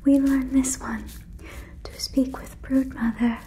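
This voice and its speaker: Whispering breathily into a close fluffy microphone, a woman voices a sweet, inquisitive, naive alien for ASMR, her phrasing stilted, formal and careful. She speaks slowly in a high, level voice, with slight background noise.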